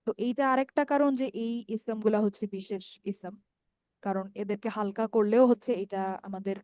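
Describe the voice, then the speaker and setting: A woman with a Bangladeshi accent teaching grammar over a call, her voice dark and mellow. The sound is dry and close, with no room around it. She goes step by step, draws out the vowels of each word form and keeps checking that her students follow. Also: medium pitch, no room sound. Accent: Bangladeshi Bengali. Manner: patient, explains step by step, often checks with "ঠিক আছে?"; repeats word forms slowly and draws out long vowels. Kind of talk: online grammar lesson.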